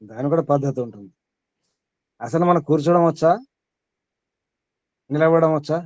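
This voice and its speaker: A man's voice: on the high side, moderate pace, a little mellow, no room sound, lo-fi sound. A man acting as spiritual teacher, giving a sermon to a small group, questioning his listeners and reeling off long lists.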